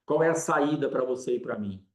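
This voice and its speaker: A man's voice: mid-range voice, fast, echoey room. A man preaching a sermon with an impassioned, repetitive cadence, calling out names to his congregation.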